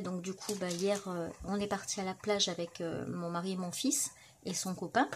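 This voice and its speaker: A woman's voice: medium pitch, a little mellow, a little hiss or hum. A middle-aged woman chatting casually on her crafting vlog, full of fillers and admiring remarks as she shows mail she received. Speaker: crafting YouTuber. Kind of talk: casual show-and-tell vlog.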